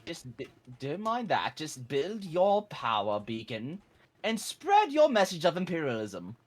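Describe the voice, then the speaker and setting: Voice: medium pitch, wildly swooping pitch, measured pace. A friend on a game stream giving advice and cracking jokes in casual chat. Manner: joking, gives game advice.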